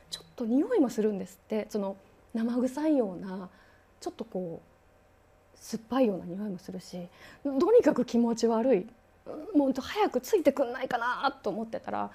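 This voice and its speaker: A woman storyteller spins a ghost tale in a high, sweeping voice that climbs and dips. Her tone is mellow and slightly husky. She adds sound effects and dramatic hushes. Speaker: ghost story collector, guest. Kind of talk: spoken ghost story telling.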